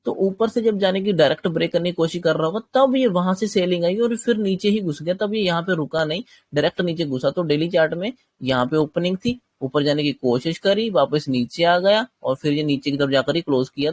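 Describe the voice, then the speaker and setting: A man's voice: fairly high pitch, darkish tone, no room sound. A man with a slightly sore throat teaching a chart-based trading lesson, explaining step by step and often checking that listeners follow. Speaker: trading instructor.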